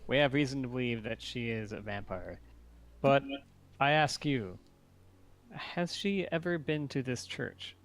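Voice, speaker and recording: A man's voice: medium pitch, expressive, unhurried. A man speaking as a suspicious adventurer in a tabletop game, asking pointed questions. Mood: probing.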